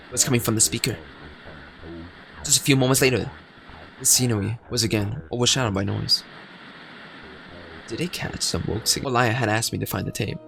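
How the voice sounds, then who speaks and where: A medium-pitched, creaky, slightly bright male voice belongs to a YouTuber chatting through a video game. He reads the game's text out loud and wanders off into filler-heavy commentary.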